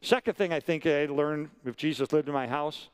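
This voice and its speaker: A man's voice: on the high side, normal speed, clean tone. A man in his sixties preaching a sermon, telling stories with emphatic, repeated phrases. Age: 60s. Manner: animated storytelling with emphatic repetition. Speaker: guest preacher.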